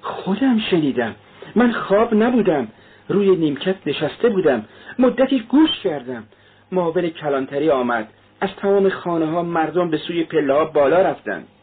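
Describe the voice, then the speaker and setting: A man's voice: mid-range voice, sing-song, pauses often, breathy edge, pitched above the performer's own voice. A man voicing a feverish, terrified young man who pleads breathlessly in an audiobook. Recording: tinny phone-like sound.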